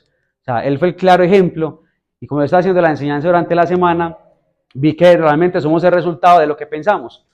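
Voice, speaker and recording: A man's voice: on the high side, a little mellow, highs cut off. A man preaching a sermon in a conversational way, often asking the audience questions. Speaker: pastor.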